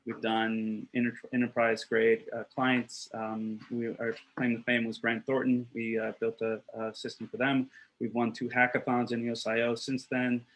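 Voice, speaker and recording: An earnest, blunt man in his thirties makes his case over a webcam call from a small room. His voice sits mid-range with a flat, even pitch line. He restarts phrases and leans on "um" and "uh" between points. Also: normal speed, poor audio. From Costa Rica. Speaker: block producer candidate. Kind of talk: election pitch on a video call. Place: small room with wooden shelves, indoors. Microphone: webcam on a video call.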